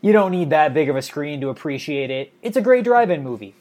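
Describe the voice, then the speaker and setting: Podcast cohost guy, kinda higher voice, laughs a lot, easygoing rambly chat. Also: a little fast. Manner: laughs often, relaxed and rambling. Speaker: podcast co-host. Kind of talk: casual chat.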